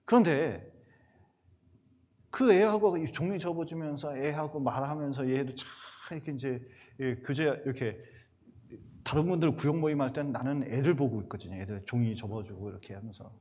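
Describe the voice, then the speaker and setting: A man's voice: mid-range voice, moderate pace. A male pastor preaching to parents, telling stories with acted-out quotes. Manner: animated storytelling with acted-out quotes. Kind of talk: sermon to parents.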